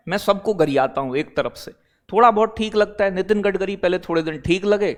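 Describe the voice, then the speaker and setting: A man from teaching an exam-prep class online, chatty and blunt, calling students "beta" and "bhai" and asking "theek hai?" again and again. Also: high-pitched. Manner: digresses into blunt talk, then back to teaching.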